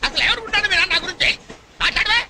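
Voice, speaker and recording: An actor playing a boastful husband who scolds his wife without pause in a comedy film scene. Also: very noisy. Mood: ranting. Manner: shrill, frantic, scolding nonstop. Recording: film scene under loud music.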